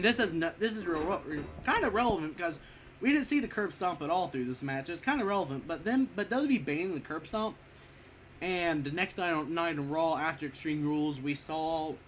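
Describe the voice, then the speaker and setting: A man's voice: on the high side, a bit bright, a little hiss or hum. A young man giving a rambling, casual spoken wrestling review, a bit sick and short of breath, often correcting himself and swearing offhand.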